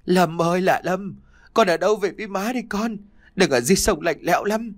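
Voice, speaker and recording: A man voicing a grieving young village mother who pleads and sobs in a raised, hurried voice, for an audiobook. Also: very animated, no room sound, clean studio sound. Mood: wailing grief. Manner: sobbing, pleading, quick and high. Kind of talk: audiobook character voice.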